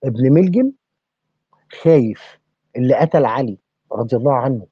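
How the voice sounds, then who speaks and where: A man's voice: mid-range voice, expressive, normal speed, husky, no room sound. A man with an Egyptian accent speaking passionately in a podcast discussion, firing off rhetorical questions like a preacher. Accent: Egyptian Arabic. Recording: dull lo-fi recording.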